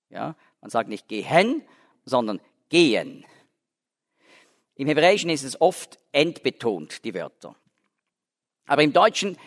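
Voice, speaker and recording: A man giving a Bible lecture, explaining word by word with frequent restarts and fillers, stressing key words. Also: medium pitch. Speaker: Bible teacher. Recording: long hall reverb.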